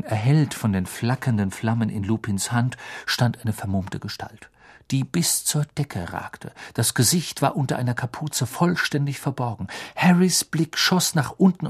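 A man narrating an audiobook in a lively, dramatic reading style. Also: medium pitch, a little slow, breathy edge. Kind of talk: scripted narration.

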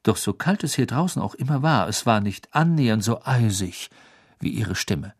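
A man reading a fantasy novel aloud as narrator, with expressive storytelling. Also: on the low side, moderate pace, husky, no room sound, clean studio sound. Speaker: audiobook narrator. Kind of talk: scripted narration.

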